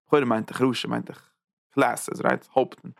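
A man teaching a Torah lecture as a rabbi, repeating phrases and checking in with quick "ja?" asides. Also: medium pitch, little pitch movement, creaky, no echo, studio quality. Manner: tags points with quick "ja?" checks; repeats and restarts phrases while building an idea.

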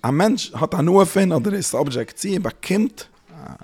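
A man giving a spoken religious lecture as a teacher, halting and searching for words, often dropping in English terms. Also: sits high, lively intonation, a little mellow, slightly rough.

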